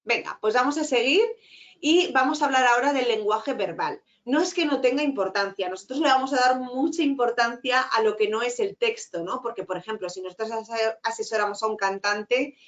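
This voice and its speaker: A middle-aged woman teacher giving an online lecture, talking fast and tagging her points with quick checks. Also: fairly high pitch. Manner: fast-talking with frequent "¿vale?" tags.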